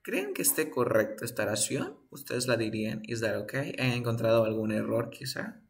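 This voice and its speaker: A man's voice: mid-range voice, big pitch swings, moderate pace, vocal fry. A man teaching an online English class in Spanish, explaining patiently and often asking his students questions.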